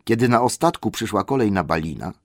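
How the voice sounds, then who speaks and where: Man, audiobook narrator, lowish voice, dry close recording, measured. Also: lively intonation, no echo. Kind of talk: scripted narration.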